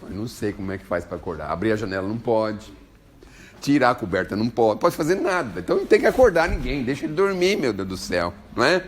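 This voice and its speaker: A Brazilian man delivers an informal spiritual lecture, joking with and questioning his audience. His pitch sits in a middle range but leaps and falls expressively. Faint background noise sits under his voice. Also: fast. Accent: Brazilian Portuguese. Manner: jokey, animated, chats with listeners.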